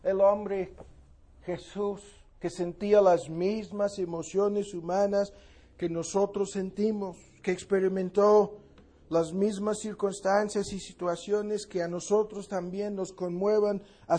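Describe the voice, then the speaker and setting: Male preacher, higher voice, husky, slow and emphatic sermon delivery. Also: flat delivery, mellow. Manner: slow, emphatic, repeats key phrases. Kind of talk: sermon, Bible exposition.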